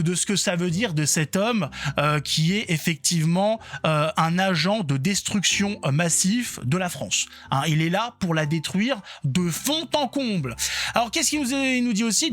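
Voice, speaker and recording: A man's voice: high-pitched, a bit bright. A man giving informal political reaction commentary online, colloquial and sarcastic, with a mocking way of talking.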